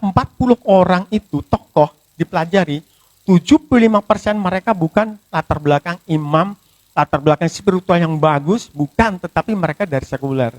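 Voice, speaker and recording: A middle-aged man preaching a sermon, telling his testimony with sudden swings between loud and soft. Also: fairly high pitch, dry recording.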